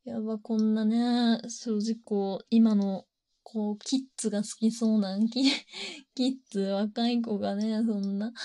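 This is a woman talking casually and frankly in an erotic confessional monologue, giggling often and leaning on fillers. Her pitch is middling and her tone is mellow and dark rather than bright. She speaks at an easy, conversational pace. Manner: chatty, giggly, frequent fillers.

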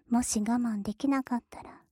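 Whispered role-play: a giggly, teasing younger sister, played by a woman, with a high yet mellow, husky voice. She draws her words out slowly and stays close and dry on the mic. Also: no room sound. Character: playful teasing younger sister, noble lady.

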